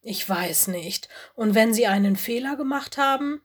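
A timid little male forest creature from a storybook, as a woman reads him, whimpering and hesitant. His voice sits noticeably higher and thinner than the narration. He sounds anxious and easily frightened. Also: normal speed, husky. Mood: whispered. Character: timid small male forest animal, whiny.

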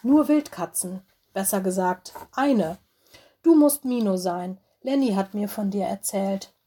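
A woman's voice: mid-range voice, lightly acted. Woman voicing Lola, a lazy friendly wildcat. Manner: bright, friendly, unhurried. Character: friendly young female wildcat, lazy and unbothered. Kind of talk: storybook reading.

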